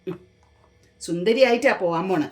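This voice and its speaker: A woman's voice: fairly low pitch, moderate pace, darkish tone. A woman vlogger talking to her pet in coaxing, doting, sing-song baby talk.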